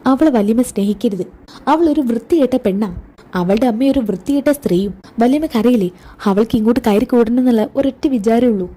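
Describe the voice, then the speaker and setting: A woman's voice: brisk, dark tone, lightly acted. A woman voicing a jealous young married woman, whiny and accusing. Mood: spiteful. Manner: whiny, accusing, raised pitch.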